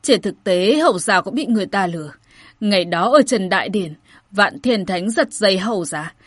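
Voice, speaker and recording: A soft-spoken old steward calms down an angry general with patient explanations, in a woman's reading. The voice is husky. The sound is dry and close. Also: mid-range voice, moderate pace, dry recording, lightly acted. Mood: placating.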